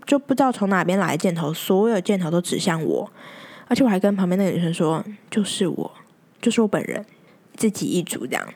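A woman's voice: mid-range voice, a little mellow. A young woman with a Taiwanese Mandarin accent, hosting a podcast and telling a story in a chatty, dramatic, exaggerated way. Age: young adult. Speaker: podcast host. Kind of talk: casual storytelling chat.

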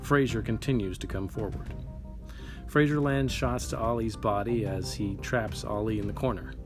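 A man's voice: lowish voice, normal speed. A man reading a scripted, dramatic narration for a podcast. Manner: dramatic storytelling. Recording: narration over clear background music.

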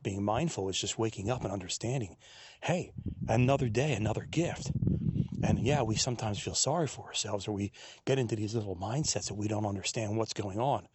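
A man with a low, raspy voice thinks aloud in a soft, musing monologue as he walks a quiet trail. He speaks into a handheld digital recorder held close, and the sound stays dry with no room around it. The tone is unhurried and reflective. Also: no echo. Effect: captured on a handheld digital recorder. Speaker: podcast host. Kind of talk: reflective solo monologue on a walk. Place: outdoors on a quiet wooded trail in a state park. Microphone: handheld digital recorder without windscreen.

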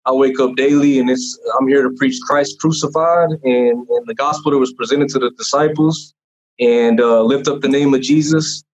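A man's voice: medium pitch, steady tone, normal speed. A young man tells his personal testimony in a casual chat, in an earnest, rambling way with many fillers and restarts. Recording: dull lo-fi sound.

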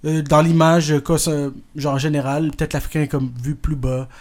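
A man putting on a self-important producer who lectures like a professor, with a put-on Japanese accent and a fairly high voice. His delivery is mock-formal, and he trips over his words mid-sentence. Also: flat delivery, normal speed, a little mellow, close to an everyday voice. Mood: lecturing. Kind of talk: comic bit in a podcast.

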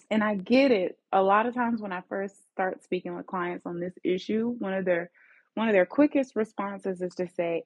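A woman with a low, husky voice talks earnestly as a therapist hosting her own podcast, putting question after question to her listeners. The sound is dry and a little dull, with no room around it. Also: a little mellow, dry recording. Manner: earnest, coaching, asks many questions. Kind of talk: solo podcast talk.

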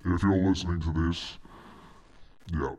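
A deep slow robot. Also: male voice, fairly even intonation, darkish tone. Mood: deadpan. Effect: robot voice filter.

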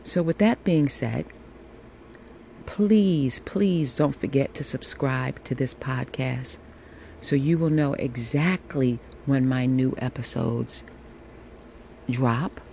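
Slow, sultry, mellow-voiced woman podcaster. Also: sits low. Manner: slow, sultry, reassuring delivery with drawn-out, repeated phrases. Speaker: podcast host. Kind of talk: casual solo podcast monologue, encouraging check-in. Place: room at home with air conditioning running. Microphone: phone. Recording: air conditioner hum behind voice. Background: faint air conditioning noise.

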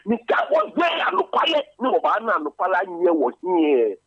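A man's voice: high-pitched, wildly swooping pitch, fairly quick, fairly bright tone, husky, dry recording. Chanting man on a phone line. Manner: chanting, exclaiming, switching between languages. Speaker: pundit calling in.

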